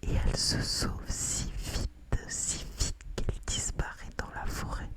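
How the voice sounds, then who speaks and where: A narrator reading a children's tale in a whispered ASMR storytelling style. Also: slow pace.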